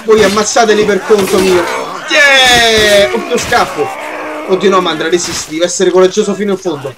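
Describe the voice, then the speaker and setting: A man with a Roman accent hosting live gameplay commentary, excitable, swearing and yelling at enemies. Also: high voice, fast, noisy background. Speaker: gaming channel host.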